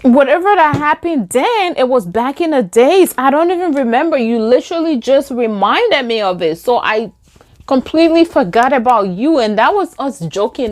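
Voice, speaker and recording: A beauty vlogger with a Liberian English accent tells a story while doing her makeup in a casual storytime. She's animated throughout, acting out quoted lines in a higher voice.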